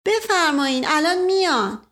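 A woman's voice: extremely high pitch, very animated, a bit bright, pitched above the performer's own voice, heavily acted. A woman voicing a naive, hesitant young housemaid who chatters in a gossipy way. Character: young simple-minded housemaid girl, hesitant.

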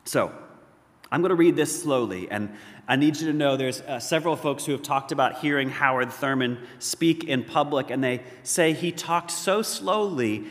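A man preaching a sermon as pastor, slow and deliberate, swelling to emphatic peaks and dropping to hushed lows. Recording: reverberant hall.

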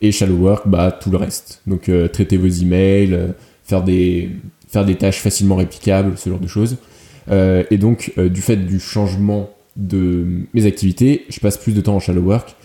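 A man's voice: low voice, level tone, normal speed, mellow. A man co-hosting a casual podcast, explaining his ideas in a thoughtful, hesitant way. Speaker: podcast co-host. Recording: roomy echo.

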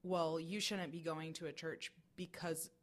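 A woman's voice: deep voice, level tone, measured pace. A woman in her twenties co-hosting a podcast, talking casually and hedging with "like" and "you know". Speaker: podcast co-host. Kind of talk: casual chat.

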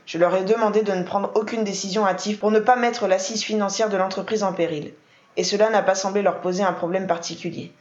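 A woman's voice: mid-range voice, steady tone, fairly quick, a little mellow, close to an everyday voice. A woman voicing a stern older wealthy man who speaks curtly and coldly, in a roomy, dull recording. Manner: curt, cold.

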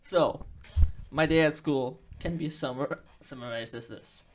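A man's voice: on the high side, measured pace, far from the mic. A teenage boy co-hosting a casual podcast, often hesitant and trailing off into short, dry replies. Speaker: podcast co-host. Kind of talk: casual chat.

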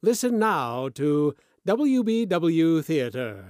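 A man's voice: fairly high pitch, big pitch swings, slow pace, darkish tone, dry recording, studio quality. A man hosting a show, giving a theatrical, sweeping scripted introduction. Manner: theatrical, sweeping announcer delivery. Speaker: show host.

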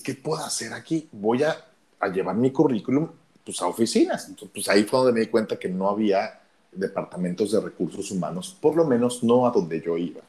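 Deep-voiced Mexican man telling stories. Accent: Mexican Spanish. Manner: animated storyteller acting out dialogue. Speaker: radio announcer guest telling his story. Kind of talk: casual storytelling chat.

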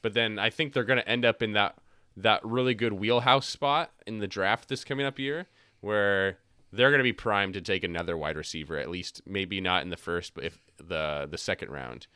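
Excitable young man with a bright voice. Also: on the low side, normal speed, smooth, no room sound, clean studio sound. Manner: animated, trails off and restarts, gets loud when excited. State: slightly hoarse from yelling. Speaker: podcast host. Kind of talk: casual fantasy football chat.

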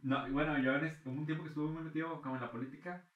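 A Mexican man in his twenties, a podcast guest telling stories in a slangy, animated way, acting out voices and sounds. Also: fairly high pitch, rapid-fire, narrow, tinny audio. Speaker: podcast guest, freestyle rapper. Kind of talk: casual storytelling chat. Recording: echoey room, a bit far from the mic.

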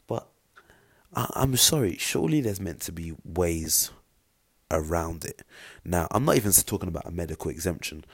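Speaking casually straight to camera, a male vlogger rambles through his opinion with plenty of fillers in a loose, conversational way. His voice is deep and animated, with a breathy edge and a moderate pace. The recording has no echo.

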